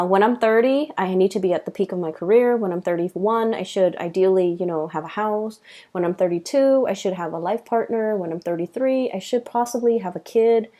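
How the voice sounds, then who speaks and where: A woman giving a tarot reading late at night, tired and halting, with many fillers and restarts. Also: medium pitch, darkish tone. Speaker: tarot reader.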